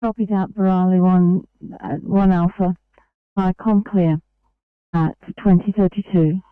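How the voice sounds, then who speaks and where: A woman's voice: fairly low pitch, fairly even intonation, measured pace, clean tone, no room sound. A woman working as an emergency dispatcher, speaking in procedural exchanges over a two-way radio. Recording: dull lo-fi radio transmission.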